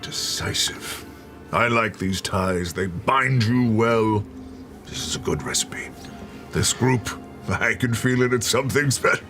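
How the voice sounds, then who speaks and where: A man playing a boastful, self-styled wise adventurer in a theatrical, halting manner during tabletop role-play. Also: medium pitch, a bit bright, faint music behind, natural voice. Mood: grand, pleased.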